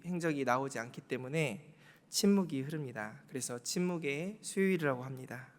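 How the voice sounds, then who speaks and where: A male pastor preaching a Wednesday sermon in a church, posing rhetorical questions and repeating key words for emphasis. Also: on the high side. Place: church sanctuary. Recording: reverberant church hall.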